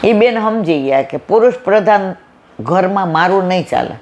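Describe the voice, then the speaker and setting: A woman's voice: on the low side, expressive, normal speed, a little mellow. A woman giving a devotional satsang talk, acting out family dialogue in a folksy storytelling style. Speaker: satsang speaker.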